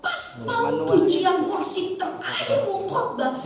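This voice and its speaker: A woman preacher, telling stories in an animated, laughing sermon to young people. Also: very high-pitched, slow pace. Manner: animated storytelling with laughs and acted quotes. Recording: echoey hall, mic from far off.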